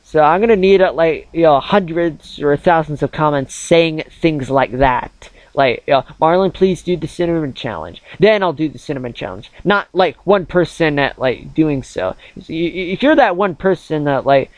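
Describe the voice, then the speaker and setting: A man's voice: fairly high pitch, expressive, normal speed, hardly any pauses, no echo, low-quality recording. A man of twenty-one chatting casually over gameplay as a gaming channel host, rambling with many fillers.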